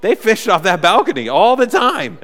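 A man preaching a sermon, chatty and joking, with lots of fillers and animated storytelling. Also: high-pitched, moderate pace. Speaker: pastor. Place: church hall. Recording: reverberant church hall.

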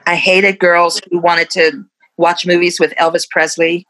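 A woman in her fifties speaks in a casual interview as a musician guest, her voice sitting somewhat low. She is reflective and laughs often between thoughts. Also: flat delivery, unhurried, fairly bright tone, rough recording. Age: 50s.

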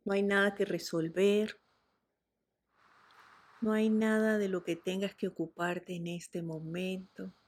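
A woman guiding a relaxation meditation in a soft, soothing voice, with breathy whispered cues. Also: mid-range voice, level tone, takes it slowly, long pauses. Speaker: meditation guide.

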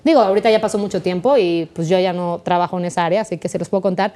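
A young adult Mexican woman, a podcast guest, telling a story in a chatty, animated way. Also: fairly low pitch, very fast. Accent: Mexican Spanish. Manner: chatty, animated, acts out quoted voices.

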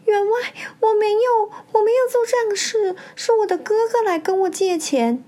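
A woman's voice: animated, moderate pace, darkish tone. Woman voicing a tearful young concubine. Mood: tearful pleading. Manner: tearful, pleading, high-pitched. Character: young gentle concubine, frightened and pleading. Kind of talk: storybook reading.

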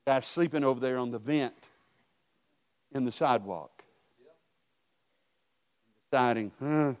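Delivering a sermon at an unhurried pace, this middle-aged male pastor speaks in a mid-range voice. He tells stories and moves from quiet asides to sudden loud bursts.

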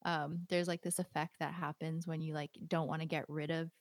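A young woman co-hosts a podcast, chatting in a friendly, giggly, conversational way and reading out a segment. Her voice is low-pitched and level, fairly quick, with no room sound.

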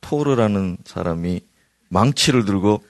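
A male pastor delivering an evening prayer-meeting sermon, swinging between loud emphatic bursts and hushed near-whispers. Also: lowish voice, animated, a little slow, no echo. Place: church hall.

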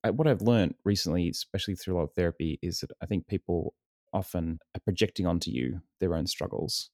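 An Australian man in his late thirties, his accent softened toward American, guesting on a podcast and speaking in an earnest, reflective way. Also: sits low, fast, no room sound, clean studio sound. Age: 30s. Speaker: guest singer-songwriter. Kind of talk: casual interview chat.

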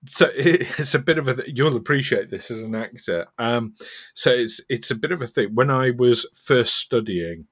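This is a middle-aged man with a soft Yorkshire accent, co-hosting a podcast. His voice is husky and of middling pitch. He chats loosely, laughs at himself and often starts a sentence over. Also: lively intonation, normal speed. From Yorkshire, England. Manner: chatty and self-mocking, laughs often, restarts sentences. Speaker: podcast co-host. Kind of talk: casual podcast chat.

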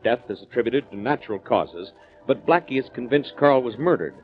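A man announcing and recapping the story on an old radio show, in a measured delivery. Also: mid-range voice, animated. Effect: old radio show broadcast. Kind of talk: scripted recap narration. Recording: dull lo-fi old radio recording.

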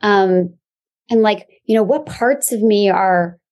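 A woman's voice: mid-range voice, slow pace, darkish tone. A woman who teaches movement, explaining her ideas in a conversational, reflective way as an interview guest. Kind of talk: casual explanatory chat.

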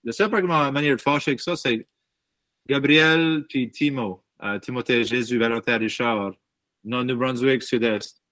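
In a casual interview, a musician guest in his thirties with an Acadian French accent, from Baie Sainte-Marie in Nova Scotia, sprinkles English words into his French while telling lively stories. He speaks at a moderate pace with a medium pitch, and there is no echo.

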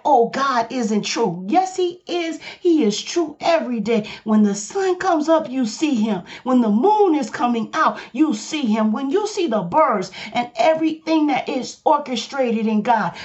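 A woman's voice: high-pitched, a little mellow, highs cut off. A woman preaching a sermon, firing emphatic rhetorical questions at her congregation.

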